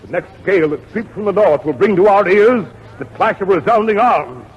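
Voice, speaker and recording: An actor playing a fiery, impatient colonial orator with a declamatory delivery in a 1940s radio drama. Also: male voice, sits high, animated, moderate pace. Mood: impassioned. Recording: dull, faintly noisy 1940s radio recording.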